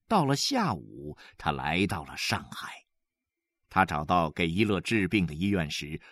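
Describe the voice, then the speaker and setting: A man's voice: fairly low pitch, dry recording. A man narrating a literary novel as an audiobook, dramatic and emotionally varied, with faint music behind.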